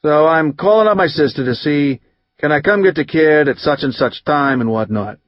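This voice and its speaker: A man reading an audiobook, voicing a rough, hot-tempered recovering drinker who rambles in profane street slang. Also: on the high side, animated, normal speed, no room sound, highs cut off, lightly acted. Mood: aggrieved. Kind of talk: audiobook narration.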